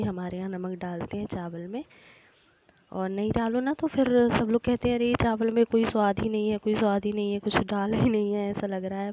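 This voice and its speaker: A young woman narrating her home cooking in a chatty voice-over, explaining each step to viewers directly and sounding a little short of breath. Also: medium pitch. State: slightly short of breath while talking. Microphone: voice-over recorded while editing. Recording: dull lo-fi audio with loud background noise.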